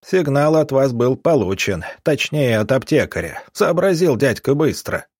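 A man voicing a tall, thin old villager in an audiobook, speaking quietly but distinctly. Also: mid-range voice, very animated, moderate pace, no echo, clean studio sound, voice pushed up. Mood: calm, reassuring.

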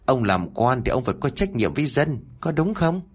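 Man putting on a cruel old village chief, lecherous, husky voice, swinging pitch, storybook villain. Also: big pitch swings, normal speed. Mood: wheedling. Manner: bossy, barking orders, then oily and coaxing.

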